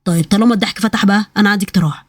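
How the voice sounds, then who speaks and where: A woman's voice: mid-range voice, rapid-fire, dry recording, studio quality, voice pushed down, close to an everyday voice. A woman voicing a scheming, food-loving middle-aged Egyptian uncle with playful ideas. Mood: eager.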